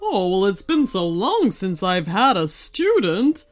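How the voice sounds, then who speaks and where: Here the same woman plays the theatrical old wizard at a medium pitch, soft music behind her. He comes across as grand and friendly with drawn-out exclamations, now in a warm, instructive mood.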